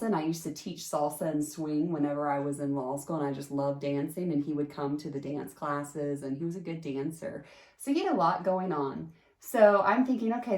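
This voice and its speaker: A woman's voice: sits low, a little mellow. A woman casually telling a personal story, talking emphatically with lots of fillers and restarts. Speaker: storyteller sharing a personal experience. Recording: roomy echo.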